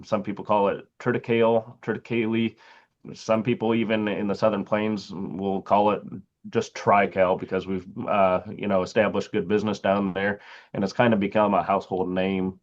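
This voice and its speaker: On a video call, a man presents slides in the role of a sales agronomist for a seed company, hesitating often with lots of fillers. His voice is fairly low, and the high frequencies are cut off.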